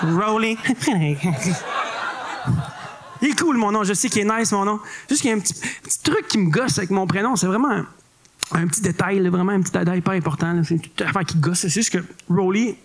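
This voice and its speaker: A man's voice: high-pitched, a little hiss or hum. A young man with a Québécois accent performing stand-up comedy on a club stage, playful and self-mocking with punchy delivery. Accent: Québécois French. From Quebec.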